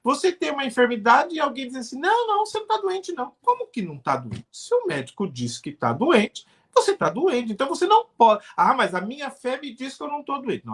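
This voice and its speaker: A man's voice: high voice, a bit bright. An older man from Brazil, a pastor, answering in an earnest, explanatory way during a live-streamed interview.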